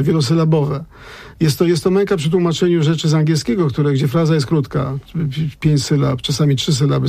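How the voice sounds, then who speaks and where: A man with a gravelly, somewhat higher voice talks through his ideas on a radio program, circling back and restarting his sentences. His tone is dark and mellow, and the sound is dry and close. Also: no echo. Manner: thoughtful, digressive, many restarts. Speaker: lyricist and translator, guest. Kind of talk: radio conversation.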